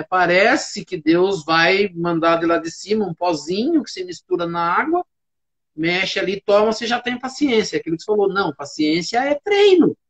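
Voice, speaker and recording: A participant in a spiritist study group who speaks casually and reflectively, asking questions aloud and often adding a questioning tag. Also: medium pitch. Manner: reflective, asks itself questions aloud, frequent "né?".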